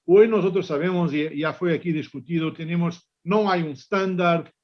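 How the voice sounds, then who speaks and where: Male conference speaker, native Portuguese, accented Spanish blended with Portuguese, fairly high voice, halting repetitions, slightly dull audio. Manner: mixes Spanish with Portuguese words and grammar; halting, repeats words while searching for phrasing. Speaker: conference speaker, business executive. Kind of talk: unscripted conference presentation.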